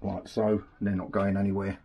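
This scooter mechanic has a low voice and speaks at an ordinary pace, with slight background noise in the recording. At his workbench indoors, he chats in a laid-back way while working through a rebuild by hand, the camera on the bench and him off to its side.

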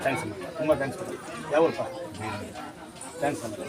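A medium-pitched man speaking at a quick pace hands out blessings and home remedies to devotees at an outdoor temple. Commanding in tone, he repeats his instructions while a crowd murmurs around him.

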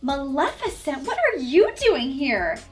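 Lady doing chatty princess little sister, really high bouncy voice, puzzled, campy kids sketch. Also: sing-song, unhurried, soft background music. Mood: indignant. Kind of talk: campy children's parody sketch acting.

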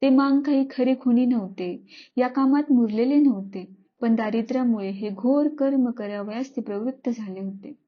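A woman storyteller reading a classic story aloud in a measured, expressive way. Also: fairly high pitch, dull audio. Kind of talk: scripted narration of a classic story.

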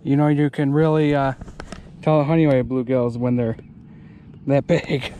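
A man's voice: mid-range voice, a little slow, slight background noise. A young man casually narrating to viewers while fishing from a kayak on a lake, recorded on a head-mounted action camera. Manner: relaxed, chatty, talks to viewers. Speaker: fishing vlogger.

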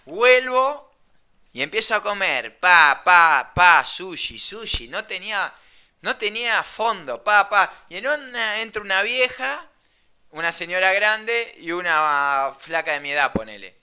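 Young man, Rioplatense Argentine accent, smooth clear voice, high pitch, casual slangy storytelling. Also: measured pace. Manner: animated, slangy, laughs mid-story. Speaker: streamer telling an anecdote.

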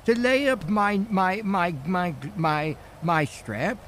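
A lonely, doddery old British grandfather faked by a younger-sounding man in an online role-play game. He stammers, repeats himself and rambles in a slightly high voice. Some ambient vehicle noise sits behind him. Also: animated, takes it slowly, fairly bright tone, heavily acted. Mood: confused.

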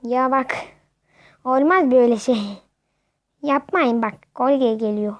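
A woman giving casual live commentary while playing a football video game, excitably shouting at the players and the referee. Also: sits high, takes it slowly, no room sound, highs cut off. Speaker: gamer.

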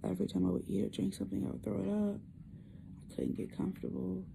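A young woman chatting casually to camera, weak after surgery, with a hoarse, partly lost voice and a subdued, halting, effortful delivery. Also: medium pitch, completely flat delivery, dark tone. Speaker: vlogger. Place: small hospital room, indoors. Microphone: phone at arm's length. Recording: noisy hospital room phone recording.

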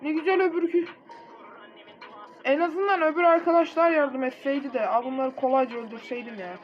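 High-voiced young male gamer, lo-fi. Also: a little fast. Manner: excitable, easily frustrated, talks to viewers directly. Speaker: gaming channel host. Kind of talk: casual mobile gameplay commentary. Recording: dull lo-fi recording with faint game music.

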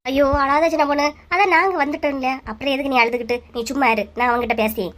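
A woman's voice: high voice, steady tone, fast talker, fairly bright tone. A woman voicing a village wife who scolds and tries to settle a quarrel, with a Kanyakumari Tamil accent. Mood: scolding. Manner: scolding, bossy. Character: middle-aged village wife scolding and mediating. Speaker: channel creator voicing characters. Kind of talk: cartoon voice acting.

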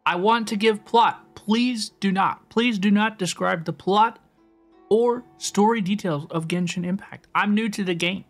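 Over game music, a woman with an unhurried mid-range voice chats casually to her viewers while livestreaming gameplay. She tends to say her phrases more than once.

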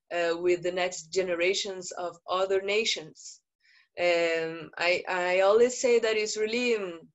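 A Brazilian woman activist whose first language is Portuguese speaks slowly and earnestly in a medium-pitched voice. Giving a panel talk over a video call from an indoor room, she's measured, with frequent pauses and fillers.

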